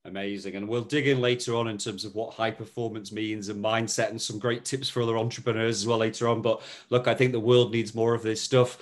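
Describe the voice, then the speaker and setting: A man hosting a business podcast, reading an upbeat intro and then leading the interview with lively, promotional enthusiasm. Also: fairly low pitch, fairly quick, hardly any pauses. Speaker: podcast host.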